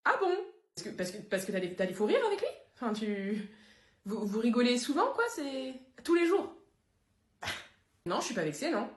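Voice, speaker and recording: A young woman performing comedy sketches, switching between deadpan sarcasm and giddy chatter. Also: fairly high pitch, normal speed, roomy sound.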